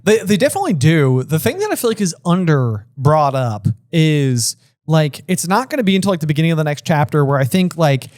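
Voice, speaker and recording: Chatty higher-voiced man co-hosting a podcast. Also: big pitch swings, brisk, darkish tone, dry recording, studio quality. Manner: rambling, heavy use of "like", restarts. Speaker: podcast co-host. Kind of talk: casual book-discussion chat.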